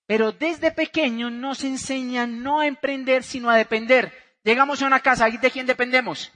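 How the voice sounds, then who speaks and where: High-voiced Colombian man telling stories from a stage. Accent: Colombian, Santander. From Santander, Colombia. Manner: animated storyteller, asks the crowd questions. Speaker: motivational speaker. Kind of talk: motivational seminar talk to a live audience.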